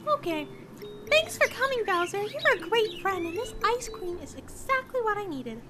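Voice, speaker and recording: A woman's voice: extremely high pitch, very animated, normal speed, very noisy. A woman playing a heartbroken young princess in a fan audio drama, girlish, sweet and whiny, with an emotional, stammering delivery. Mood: pleased. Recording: music behind the voice.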